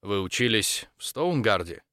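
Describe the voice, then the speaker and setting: A man's voice: lowish voice, lively intonation, moderate pace, pushed and bright, no echo, clean studio sound. A man voicing an earnest, polite young male exorcist in an audiobook, speaking courteously and eagerly.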